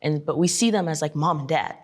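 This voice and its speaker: Young woman, low voice, earnest and candid, pace shifts a lot. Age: young adult. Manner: earnest, speeds up then slows down. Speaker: podcast host, daughter. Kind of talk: emotional family conversation.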